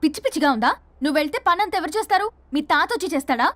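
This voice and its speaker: An actress playing a sharp-tongued young woman who scolds her staff, in a film comedy. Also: high-pitched, expressive, racing, no echo. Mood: scolding. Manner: bossy, scolding. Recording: film soundtrack with music.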